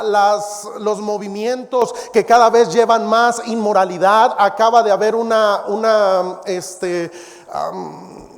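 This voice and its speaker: A man preaching a sermon as pastor, dropping to soft, low emphasis on key words and reading scripture aloud. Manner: quotes scripture and mimics others in a raised voice. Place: church. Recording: long hall reverb.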